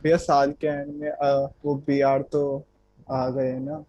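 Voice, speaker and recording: Male student, short hesitant replies, monotone, dry. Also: medium pitch, slow pace, no echo, dull audio. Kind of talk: answering in class.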